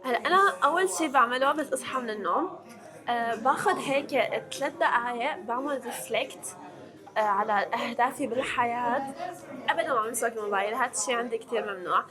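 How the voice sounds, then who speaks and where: A woman in her early twenties with a Levantine Arabic accent hosts a vlog, chatting casually to camera and slipping in English words. Her voice is fairly high and quick, heard over music.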